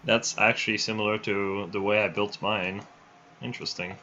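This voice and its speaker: A man's voice: on the low side, flat delivery, moderate pace, pushed and bright, slight background noise. A man hosting a live stream over his headset mic, talking casually and rambling with frequent restarts. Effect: livestream headset mic audio. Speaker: livestream host running a build showcase. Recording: dull lo-fi stream audio.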